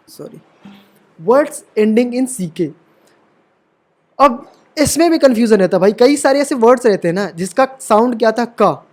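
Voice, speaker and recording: High-voiced man teaching spelling rules. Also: darkish tone. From India. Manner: explains step by step with many rhetorical questions and constant "okay?" check-ins; repeats words and examples over and over. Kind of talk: online lesson explaining rules at a board.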